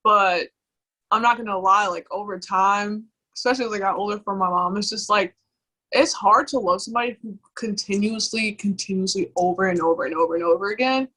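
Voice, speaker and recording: A young woman with a bright, clear voice. She shares personal memories in a candid conversation and keeps halting, circling back with fillers and restarts. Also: medium pitch, rough recording. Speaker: guest.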